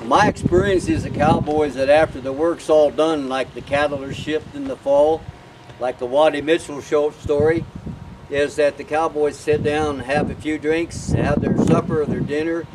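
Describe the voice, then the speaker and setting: A man's voice: on the high side, steady tone, normal speed. A man with a folksy, rambling way of telling things, speaking informally like a storyteller. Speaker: cowboy storyteller and event organizer. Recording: distant mic, outdoor wind and traffic noise.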